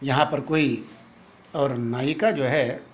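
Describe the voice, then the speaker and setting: A male Sanskrit literature teacher giving a classroom lecture, explaining step by step and chanting verses slowly, with pauses mid-sentence. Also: mid-range voice, fairly even intonation. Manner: many fillers and restarts, pauses mid-sentence.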